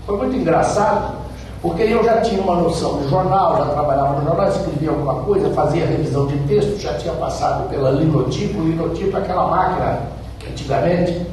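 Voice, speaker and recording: A very echoey, distant recording of an older Brazilian man with an interior São Paulo accent. He speaks in a fairly high voice, giving a motivational speech. His delivery is emphatic, built on repeated phrases and rhetorical questions. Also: quick pace, a little mellow. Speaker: radio broadcaster giving a talk. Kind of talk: motivational public speech with personal anecdotes. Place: echoey room at a speaking event. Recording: echoey hall, distant mic, faint noise.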